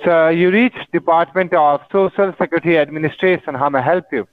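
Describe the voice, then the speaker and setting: A man's voice: fairly high pitch, fairly quick, dry recording. A man posing as an officer on a scam call, reciting a formal phone greeting. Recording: tinny phone line.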